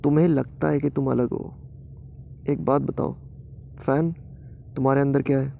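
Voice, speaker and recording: A man voicing a wise, kindly light bulb who gently reasons with others in a bedtime story. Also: medium pitch, fairly even intonation, moderate pace, gravelly, lo-fi sound, a little hiss or hum. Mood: reasoning.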